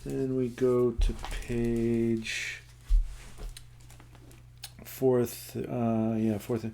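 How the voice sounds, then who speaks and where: A man giving a casual book review, halting with many fillers and self-corrections, and reading passages aloud in a steady, measured way. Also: mid-range voice, gravelly, slight background noise.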